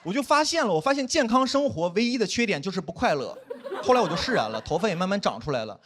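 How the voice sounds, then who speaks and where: A man's voice: sits high, fast talker, crowd noise. A young man performing a self-mocking stand-up comedy set on stage before a live audience. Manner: animated, self-mocking punchlines.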